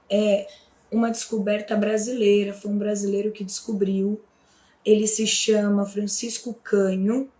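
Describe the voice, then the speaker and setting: A woman's voice: fairly high pitch, a little mellow. A Brazilian woman with a Brazilian Portuguese accent teaching in a chatty, casual way, often adding little tag questions and fillers. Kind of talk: casual explanatory lesson. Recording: echoey room.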